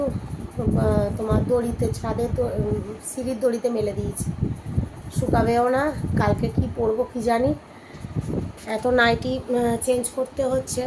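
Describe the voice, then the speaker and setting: Woman, 30s, mother and vlogger with a cold; hoarse, chatty, slightly high voice, noisy phone audio with rain outside. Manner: chatty, scolds her children in between. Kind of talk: casual home vlog chat.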